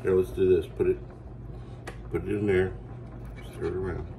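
A man's voice: sits low, little pitch movement, normal speed, mellow, slight background noise, low-quality recording. An older man, a grandfather, chatting casually in a home kitchen and guiding a child through a taste test with coaxing, encouraging instructions. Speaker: grandfather cooking for his grandchild. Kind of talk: casual home video chat.

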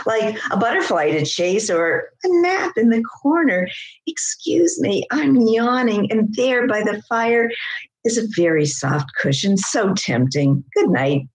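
A woman reading a poem in the voice of a proud, lazy cat from a manuscript, slow and savoring. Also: mid-range voice. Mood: drowsy. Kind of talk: poetry reading in a character's voice. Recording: roomy echo.

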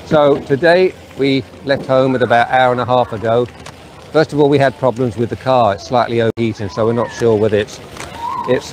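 A man's voice: mid-range voice, darkish tone, slight background noise. An older man giving an earnest, solemn address to camera in an open town square, reading names from a sheet. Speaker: street preacher. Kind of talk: outdoor video address. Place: sunny town square outdoors. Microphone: camera at a few metres.

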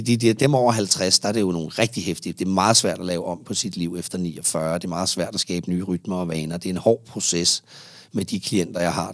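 A man's voice: sits low, no room sound, studio quality. A male psychotherapist in a casual podcast conversation, talking animatedly and restarting his sentences as he explains. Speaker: psychotherapist guest.

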